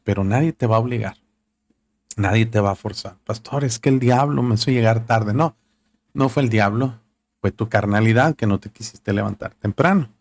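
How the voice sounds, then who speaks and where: A man preaching in a conversational way, often asking rhetorical questions of the congregation. His voice sits low with a gravelly, creaky texture. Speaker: pastor. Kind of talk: sermon.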